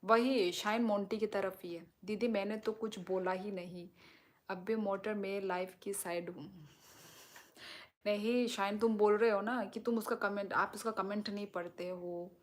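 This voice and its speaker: Speaking unhurriedly in a mid-range voice with fairly even intonation, this livestream host reads out viewer comments. She addresses her audience directly, offering long stretches of reassurance and explanation.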